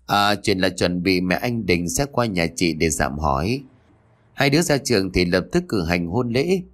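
A man's voice: sits low, animated, moderate pace, voice pushed down. A man reading as a spiteful, jealous rich schoolgirl. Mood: smug.

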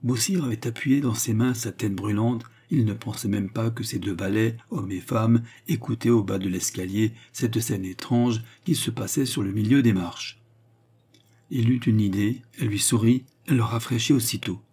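A man narrating a classic novel as an audiobook, in a measured, steady storytelling voice. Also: on the low side, husky.

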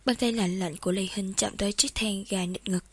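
Woman narrator, first-person novel, calm, steady, mid-pitched, dry close sound. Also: a little fast, slightly rough, dry recording. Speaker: audiobook narrator.

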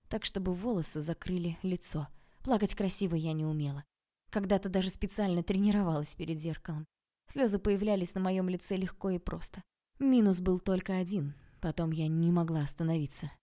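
Woman audiobook narrator, first-person, steady storytelling, mellow lower tone. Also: a little fast.

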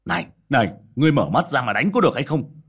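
A man's voice: low voice, sing-song, quick pace, husky, exaggerated voice. Brief: man voicing cranky monk, curt and exasperated. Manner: snapping, exasperated. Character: irritable bald male monk with a staff.

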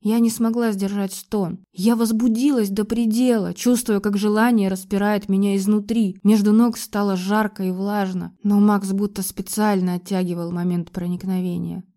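A woman's voice: mid-range voice, flat delivery, moderate pace, few pauses, mellow. A woman narrating a first-person romance audiobook with an emotional, dramatic delivery.

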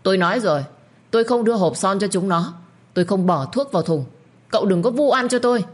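A woman voicing a defiant young female servant in an audio story, shouting and shrieking frantic accusations. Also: animated, normal speed, breathy edge. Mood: furious. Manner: screaming accusations, shrill and frantic.

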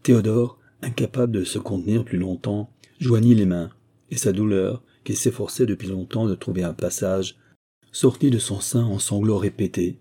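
Guy reading an old novel aloud, low dark voice, steady pace. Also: moderate pace, husky. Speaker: audiobook narrator.

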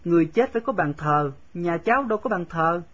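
A man's voice: high voice, animated, a little fast, a bit bright, lo-fi sound. A man reading the part of a stubborn little schoolgirl who keeps pressing with questions. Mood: pleading. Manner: insistent, sulky questioning. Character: stubborn pleading little girl, fifth grader.

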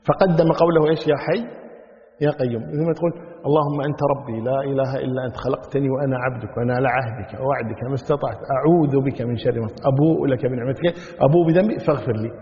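A man's voice: mid-range voice, fast. A middle-aged man teaching a religious lesson, telling stories in a colloquial way and checking that listeners follow. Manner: storytelling with colloquial asides, checks understanding. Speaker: religious teacher explaining a creed text. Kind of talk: recorded lecture, teaching a class. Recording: dull lo-fi lecture recording in a reverberant hall.

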